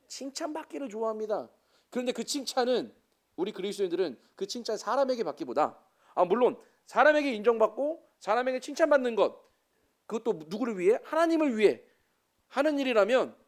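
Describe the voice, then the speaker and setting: A man in his forties with a Jeolla Korean accent, a missionary preaching a sermon with chatty, joking asides to the congregation. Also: high-pitched. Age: 40s.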